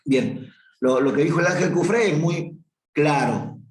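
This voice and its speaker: A man's voice: on the high side, measured pace, a little hiss or hum. A man teaching a review class on limits, talking through a graph and stopping often to correct himself. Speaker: math teacher. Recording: roomy echo.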